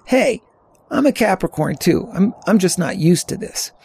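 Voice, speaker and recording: A man voicing an eager, chatty teenage boy on a hike, his voice lifted higher and lighter as he rambles. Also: lively intonation, normal speed, creaky, a little mellow, a little hiss or hum. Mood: rambling.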